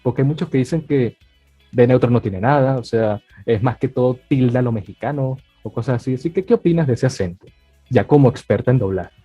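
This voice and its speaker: A man hosting a casual podcast interview who talks in a loose, conversational way, full of fillers and lively asides. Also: medium pitch, brisk, slightly rough, no echo, faint music behind. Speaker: podcast host. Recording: dull, dry, slightly lo-fi.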